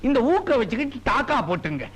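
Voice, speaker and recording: A man's voice: very high-pitched, huge pitch swings, fast, a bit bright, breathy edge, full character voice, rough recording. A fussy, scheming comic father. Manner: lecturing, mock-solemn and fussy. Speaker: groom's father in a film comedy scene. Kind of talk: film comedy dialogue.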